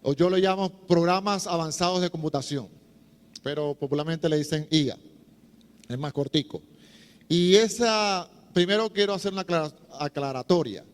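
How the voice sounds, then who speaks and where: Middle-aged guy preaching, joking around, smooth clear voice, a bit high, echoey hall. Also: moderate pace. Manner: chatty, humorous, acts out voices. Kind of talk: sermon-style teaching talk.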